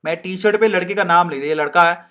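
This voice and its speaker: Playful high-voiced male chemistry teacher. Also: fast talker, pushed and bright. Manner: playful, laughing, chants mnemonics; asks the class questions. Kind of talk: online lecture.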